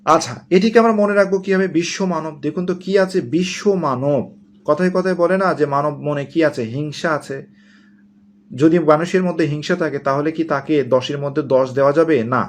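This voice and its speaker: A man's voice: fairly high pitch, a little fast. A man from Bangladesh giving an exam-prep lesson, asking questions and answering them himself, repeating key points. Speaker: teacher. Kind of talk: exam-prep lecture with memory tricks.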